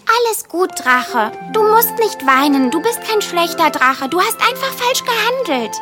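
Very high, earnest little pony. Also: female voice, sing-song, unhurried, full character voice. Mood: soothing. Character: gentle but firm young female pony. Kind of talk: children's cartoon audio play. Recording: music underneath.

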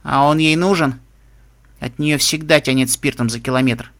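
A snappish young woman fighter, quick to anger and sharp of tongue, as a male reader gives her voice. Her retorts are short and curt, as in a spoken storybook. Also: medium pitch, close to an everyday voice. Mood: irritable.

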